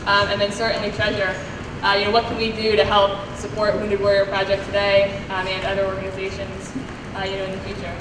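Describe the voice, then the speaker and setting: A woman delivers a halftime speech over a distant microphone in a noisy hall. Her intonation is quite even, and she often pauses on ums and filler phrases. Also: mid-range voice. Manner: hesitant, many ums and you-knows. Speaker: military veteran, guest speaker. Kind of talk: halftime appreciation speech to an audience. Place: large echoing sports venue, public address.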